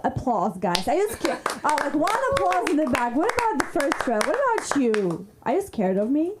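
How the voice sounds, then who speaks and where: A woman's voice: sits high, big pitch swings, moderate pace, heavy background noise. A woman from Kazakhstan with a Kazakh accent performing stand-up in a comedy club, teasing the crowd.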